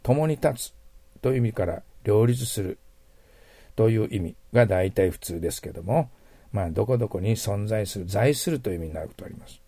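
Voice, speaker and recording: A man's voice: lowish voice, lively intonation, brisk, warm tone, breathy edge, no room sound. A man teaching English vocabulary in a patient lecture, explaining word roots and checking in with his students as he goes. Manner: patient, repeats words, checks in with "ne" and "hai".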